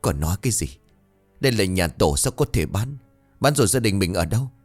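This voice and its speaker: A man's voice: fairly low pitch, expressive, a little fast, faint music behind. A man voicing a weary older mother who speaks firmly to her son.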